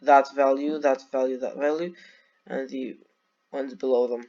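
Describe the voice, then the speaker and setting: A man's voice: medium pitch, steady tone, moderate pace, dull audio, background noise. A teenage boy from Turkey casually reacting to an aviation video, rambling and correcting himself, a little sleepy. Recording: loud music under the voice. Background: loud music and airplane sounds from the video.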